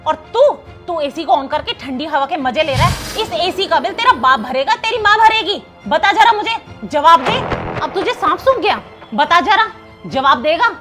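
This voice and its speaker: A woman's voice: high voice, lively intonation, moderate pace, few pauses, music in the background. A woman acting a bossy wealthy house mistress who scolds and taunts in a short drama skit. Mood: scolding. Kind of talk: scripted Hindi skit acting.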